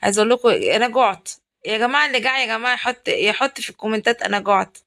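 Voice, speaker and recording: A woman's voice: a little high, lively intonation, racing, fairly bright tone. A woman with an Egyptian accent narrating a casual home cooking vlog, chatty and exclamatory, talking straight to her viewers. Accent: Egyptian Arabic. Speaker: cooking vlogger. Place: home kitchen.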